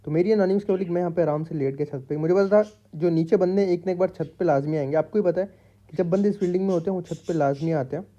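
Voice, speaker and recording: The speaker is a gaming YouTuber whose voice sits high and warm as he rattles off fast, jokey commentary on his gameplay. He addresses his viewers directly from a room at home with pet parrots, and the recording is muffled.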